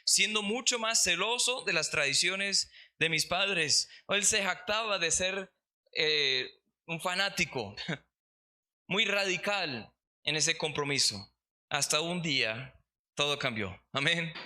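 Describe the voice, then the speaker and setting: A man preaches a sermon from the pulpit as pastor, reading scripture passages aloud. His voice is very bright and sits a little high for a man. He slows down to stress the key lines. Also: animated. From Colombia.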